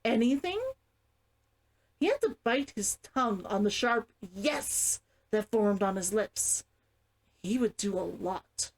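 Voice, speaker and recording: A woman reading fiction aloud as a storyteller, in an expressive audiobook-style narration. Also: mid-range voice, unhurried. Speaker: story reader, streamer.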